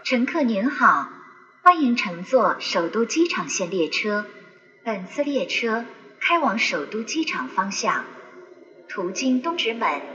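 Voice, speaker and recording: A woman's voice: mid-range voice, bright, forceful tone. A woman making a formal, scripted subway announcement to passengers as a train announcer. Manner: formal passenger-information delivery. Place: inside an airport express train. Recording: dull noisy train public address. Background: train ambience and clear noise.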